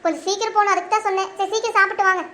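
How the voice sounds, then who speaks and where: A woman's voice: very high voice, fairly even intonation, racing, pushed and bright, slight background noise. A woman voicing an anxious young wife in a cartoon, pleading and worried. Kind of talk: cartoon voice acting.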